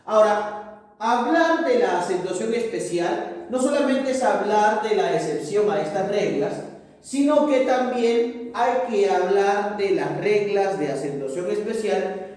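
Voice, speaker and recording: A male teacher giving a grammar lesson, explaining slowly and posing questions to himself that he then answers. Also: high-pitched, animated, a little mellow. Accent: Peruvian Spanish. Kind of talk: recorded classroom lesson. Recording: echoey room, mic far off.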